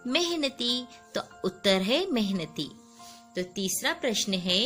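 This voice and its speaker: Slow, patient woman teaching children. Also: a little high, bright, forceful tone. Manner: patient, repeats words and sounds them out; mixes in English glosses. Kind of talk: slow classroom lesson for children.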